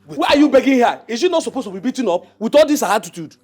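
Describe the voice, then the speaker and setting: A man's voice: on the high side, animated, normal speed, darkish tone. An actor with a Nigerian accent playing a defiant, hot-headed young man in a film drama, brash and confrontational. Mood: angry, defiant.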